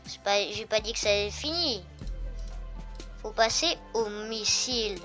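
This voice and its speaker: With game music behind her, a woman hosts a gaming video in a mid-range voice at a measured pace. She chats casually, testing things in the game and thinking aloud with filler words.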